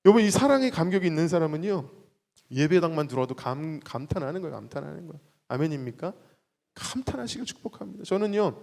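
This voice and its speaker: A man leading worship and preaching playfully in a church sanctuary, calling out to the congregation and acting out little quotes. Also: on the high side. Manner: animated, playful, exclaims and acts out quotes. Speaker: worship leader. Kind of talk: lively sermon with audience call-and-response. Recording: reverberant church hall.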